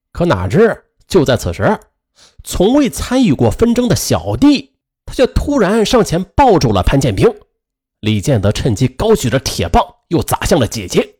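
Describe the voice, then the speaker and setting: A male storyteller narrates a family crime drama, his pitch swinging widely as he builds suspense. He speaks at a middling pitch and stretches his filler particles to draw the listener in. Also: darkish tone, breathy edge.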